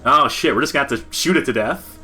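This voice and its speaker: Male podcast co-host, mid-pitched and bright, talks through a let's-play and breaks down the game's mechanics, with faint game music behind. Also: fast talker. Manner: explains game mechanics in detail, with rising excitement. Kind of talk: casual commentary over gameplay.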